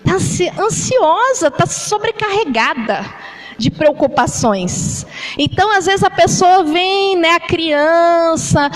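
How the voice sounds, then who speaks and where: Slow, high-voiced Brazilian woman preaching. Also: lively intonation, faint music behind, low-quality recording. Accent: Brazilian Portuguese. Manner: conversational, frequent tag questions to the congregation; demonstrates with gestures while talking. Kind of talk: church sermon on anxiety.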